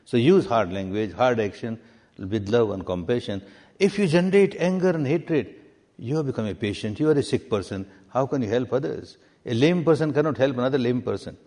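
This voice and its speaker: A man from Myanmar, a meditation teacher answering questions in a deliberate way and repeating key words for emphasis. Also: medium pitch, expressive, dark tone. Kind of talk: answering questions in a spiritual talk. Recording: long reverb of a hall.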